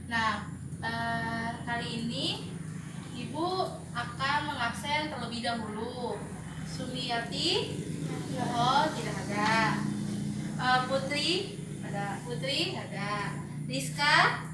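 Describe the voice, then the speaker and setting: A woman teaching a grammar lesson to pupils, speaking with many hesitant filler pauses. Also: a little high. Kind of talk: classroom lesson. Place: home study room. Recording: echoey room from far off, noisy.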